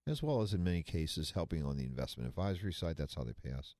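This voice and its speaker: Man, sixties, radio co-host, very deep voice, folksy and rambling, dry studio sound. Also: lively intonation, fast, warm tone, no room sound. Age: 60s. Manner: chatty, folksy, rambling with asides. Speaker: financial radio show co-host. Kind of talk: casual talk radio chat.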